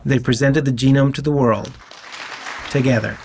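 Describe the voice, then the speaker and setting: A man narrating a documentary in a measured, clear scripted read. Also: medium pitch, steady tone, a little mellow, some chatter behind. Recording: faint music underneath. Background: faint music.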